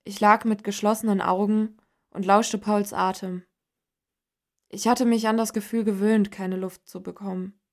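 Audiobook: woman narrator, very slow, measured, mid-pitched. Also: little pitch movement, a little mellow. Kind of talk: scripted first-person narration.

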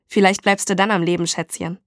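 A woman voicing a blunt, mocking homeless man who collects bottles, talking in rough street slang. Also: fairly low pitch, level tone, a little fast, dry recording, clean studio sound, natural voice.

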